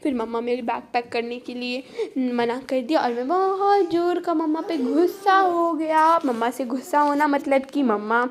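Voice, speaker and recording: A woman's voice: high-pitched, normal speed, natural voice. A woman voicing a mischievous, boastful little boy, narrating his day in a playful sing-song way with lots of repetition.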